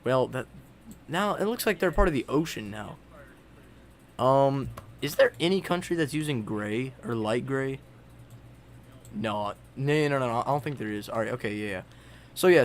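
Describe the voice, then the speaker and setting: A man's voice: mid-range voice, sing-song, normal speed, pauses often, slight background noise. A young man narrating a server's border history in casual, rambling commentary full of fillers and restarts while he edits a map. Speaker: video creator.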